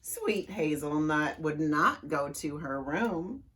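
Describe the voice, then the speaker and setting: A woman's voice: low-pitched, takes it slowly. A woman librarian leading a children's story time, cheerfully reading aloud and guiding movement games. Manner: cheerful, animated, sing-song with children.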